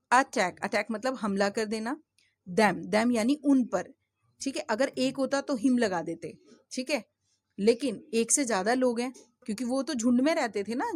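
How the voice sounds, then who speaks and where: A woman teaching English to children, slowly spelling out words letter by letter, often checking in with the learners. She speaks English with an Indian accent. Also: a little high, no echo, clean studio sound. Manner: slow, patient, spells words letter by letter and asks questions; often checks in with "theek hai?". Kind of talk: spoken English lesson for children in Hindi.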